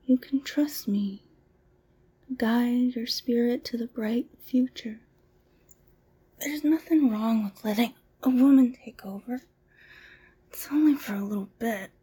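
A woman doing an ASMR roleplay as a masseuse, talking in a soft, soothing, mostly whispered, breathy voice. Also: on the high side, unhurried, long pauses.

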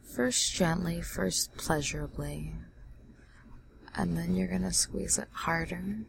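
A young adult woman giving teasing orders in a breathy ASMR role-play, close to the microphone. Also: fairly even intonation, slow pace, slight background noise. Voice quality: breathy soft voice mixed with low soft voice.

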